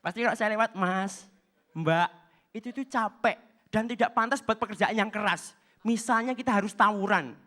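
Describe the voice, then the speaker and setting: A man from Java performing a stand-up comedy set, animated and acting out little exchanges. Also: sits high, fairly quick. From Java, Indonesia. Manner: animated, acts out short quoted exchanges in other voices.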